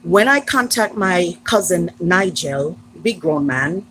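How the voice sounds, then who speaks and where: A woman's voice: on the low side, animated, slow pace, fairly bright tone, a little hiss or hum, low-quality recording. An American woman vlogger frankly recounting her own experiences on a live stream, emphatic and repetitive, now and then slipping into the voices of people she quotes. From United States. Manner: frank, emphatic, repeats herself, slips into acted quotes. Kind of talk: candid personal storytelling on a live stream.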